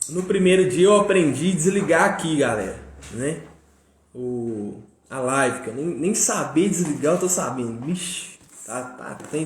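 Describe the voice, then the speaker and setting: A Brazilian man hosting a daily religious live stream in a relaxed, chatty way, with many fillers and tag questions. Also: mid-range voice. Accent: Brazilian Portuguese. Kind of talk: casual live-stream talk. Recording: echoey room with faint noise.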